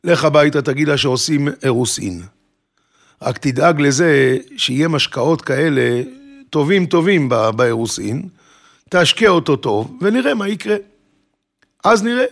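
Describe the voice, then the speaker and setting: Man playing a measured old rabbi giving counsel, gravelly voice. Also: a little high, lively intonation. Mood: advising.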